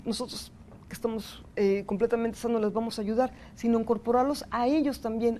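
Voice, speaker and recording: During a university lecture that includes audience feedback, a Mexican-accented woman earnestly thanks the participants. Her voice is on the high side and mellow, with a little hiss or hum in the recording.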